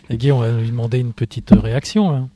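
A man hosting a radio show in a studio, talking in a loose, halting way. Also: medium pitch, mellow, dry recording.

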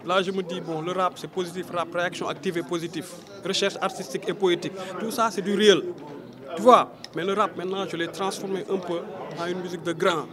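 Against a backdrop of outdoor crowd noise, a man in his thirties from Senegal, a rapper and reggae musician, talks casually in an interview. He speaks fairly quickly in a high voice with fairly even intonation, often tacking "quoi" onto the end of phrases.

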